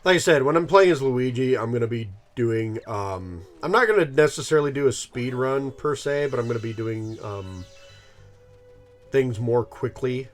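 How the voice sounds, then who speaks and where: Rambling thirties man with lively pitch. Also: normal speed, faint music behind. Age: 30s. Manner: rambling, filler-heavy, laughs at himself. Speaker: gaming channel host. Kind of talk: casual let's-play commentary.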